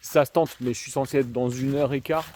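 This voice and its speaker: A young vlogger and schoolteacher with an Alsatian accent speaks a little fast in a steady, slightly mellow, medium-pitched voice. He chats slangily to viewers in a casual rambling monologue on a countryside walk, filmed with a handheld camera against faint outdoor noise and rain.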